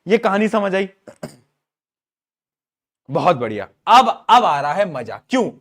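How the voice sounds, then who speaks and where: A man teaching an online science class in speech, asking students questions and using stories as memory aids, often clearing his throat. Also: sits high, expressive, a little slow, fairly bright tone. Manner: asks students questions, uses story mnemonics.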